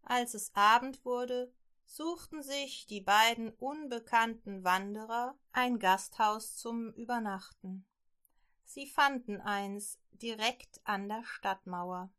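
Woman storyteller, very slow and bright, expressive read-aloud style for children. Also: a little high.

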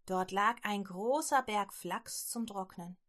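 Woman storyteller, very slow and bright, expressive read-aloud style for children. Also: mid-range voice.

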